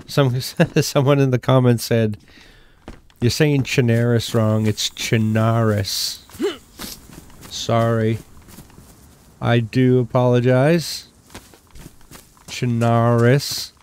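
A man's voice: mid-range voice, slow pace, pauses often, clear, resonant tone. An older man with a Boston accent, casually commentating a survival game he is playing, muttering to himself as he loots. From New England. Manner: relaxed, muttering to himself while looting. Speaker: gaming YouTuber.

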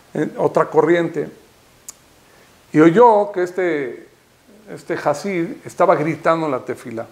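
A man, a rabbi giving a Torah sermon, emphatic and rising to impassioned repeated calls, with Hebrew terms mixed in. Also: a little high. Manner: peppers speech with Hebrew terms.

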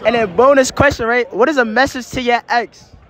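On a busy city street outdoors, a man hosts a casual interview full of playful, hyped banter. His voice is very high and a little fast, with a street crowd and loud music audible behind him.

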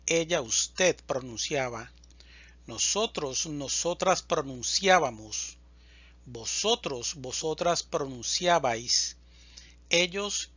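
A man teaching a slow, deliberate verb conjugation lesson, reading word lists with even spacing. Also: a little high, slightly rough, no echo, highs cut off. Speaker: Spanish teacher.

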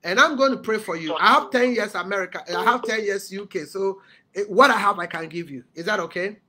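A man's voice: high-pitched, a little fast, bright, forceful tone. A man hosting a live call-in broadcast as a prophet, urging callers with commanding, repeated instructions. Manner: commanding, repetitive exhortations.

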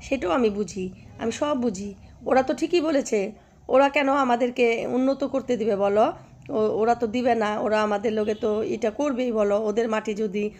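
A hoarse woman vlogging by a cowshed, chatting affectionately with her viewers and often asking if they follow. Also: on the high side, normal speed, darkish tone. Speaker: village life vlogger. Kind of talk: casual vlog chat to viewers.

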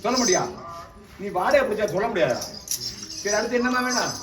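A man from Tamil Nadu, a temple priest performing an exorcism, scolding and commanding the spirit, often shouting. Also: high voice, sing-song, a little fast, music in the background. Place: temple, outdoors or open hall. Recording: echoey, distant mic, noisy.

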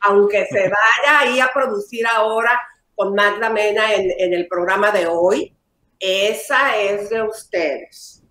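A middle-aged woman co-hosting a casual gossip chat over a video call, teasing and emphatic, quick to argue her point. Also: mid-range voice, sharp tone. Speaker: co-host. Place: home room with staircase. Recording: echoey room.

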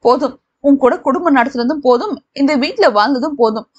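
A woman voicing a feisty old grandmother who quarrels loudly and dramatically. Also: lo-fi sound, natural voice. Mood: quarreling. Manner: shrill, quarrelsome, quick.

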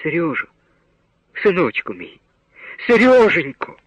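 A man's voice: medium pitch, huge pitch swings, moderate pace, gravelly, a little mellow, slightly rough, no room sound, exaggerated voice. A man voicing a frightened village mother who pleads and cries out, heard on a dull lo-fi old radio recording. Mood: desperate. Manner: pleading, crying out. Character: frantic village mother, shrill with fear.

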